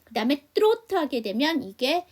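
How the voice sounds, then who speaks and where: A woman's voice: high voice, very animated, unhurried. A woman teaching an English class online, explaining step by step and answering her own questions to the class.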